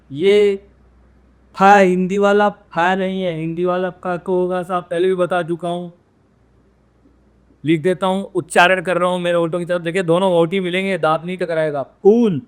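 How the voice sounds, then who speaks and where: Man teaching grammar, repeating words slowly. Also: high-pitched, flat delivery, smooth. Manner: addresses viewers directly with frequent "है ना?". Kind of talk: classroom-style grammar lesson.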